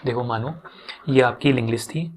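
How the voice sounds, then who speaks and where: A man's voice: medium pitch, normal speed, a little mellow, slight background noise. A young man explaining code step by step to students in a casual teaching manner, often repeating himself and checking that they follow.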